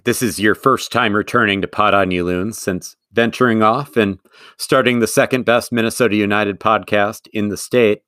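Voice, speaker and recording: A man's voice: lowish voice, steady tone, normal speed, fairly bright tone, no room sound, studio quality. A man hosting a casual podcast, bantering and teasing his guest. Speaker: podcast host.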